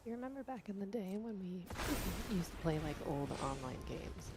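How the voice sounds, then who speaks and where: Female co-host, breathy, teasing crude banter on a gaming stream. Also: mid-range voice, big pitch swings, normal speed, a little mellow. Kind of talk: casual gaming stream chat.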